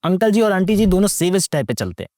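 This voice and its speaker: A young YouTube movie reviewer gives casual, sarcastic commentary in Hindi mixed with English, slangy, mocking and full of rhetorical questions. His high, warm voice swings widely in pitch at a quick pace, recorded in studio quality with no echo.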